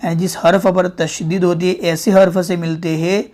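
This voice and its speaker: A man teaching Quran reading step by step, repeating each example slowly and drawing out the sounds. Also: sits high, little pitch movement, darkish tone. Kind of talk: step-by-step tajweed lesson.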